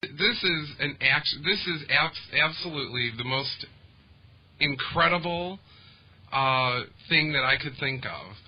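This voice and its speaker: A man hosting a talk show, rambling with many restarts. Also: medium pitch. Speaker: podcast host. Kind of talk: casual radio talk. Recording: dull lo-fi audio.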